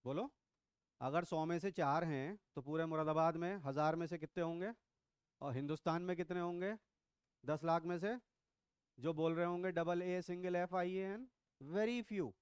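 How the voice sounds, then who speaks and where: Middle-aged male biology teacher, high smooth voice, playful and quizzing. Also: unhurried, dry recording, studio quality. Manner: teasing, quizzing students, mixes English into Hindi. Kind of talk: classroom lecture. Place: classroom.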